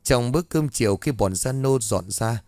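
A man narrating a horror story in a steady, measured storyteller's way. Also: mid-range voice, no room sound.

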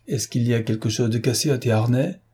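A man voicing a calm, unflappable gentleman traveller who speaks placidly. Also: mid-range voice, a little fast, husky, close to an everyday voice. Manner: placid, unruffled.

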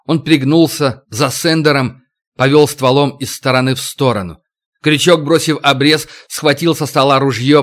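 A man reading an audiobook aloud in scripted narration. His delivery is steady and dramatic. His voice sits at an ordinary middle pitch.

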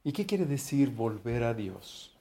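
A man preaching with a warm, mellow voice. His delivery is conversational, with restarts and phrase endings that drop to near quiet. The pitch sits at an ordinary middle height for a man. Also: big pitch swings, unhurried. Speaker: pastor. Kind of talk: sermon.

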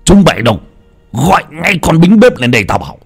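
A tyrannical old village patriarch, played by a male storyteller, roars threats and stammers in his fury. The voice rises louder and higher than the narration, with a strained, forced edge. It sits in a spoken audio story. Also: very animated, fast, creaky, husky, faint music behind, heavily acted. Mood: raging threats. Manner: shouting, threatening, stammering with rage.

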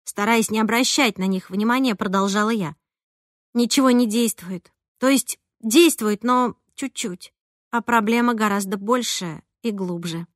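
A woman reading a first-person audiobook in an expressive, lively way. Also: fairly high pitch, unhurried, dry recording, clean studio sound. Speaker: audiobook narrator.

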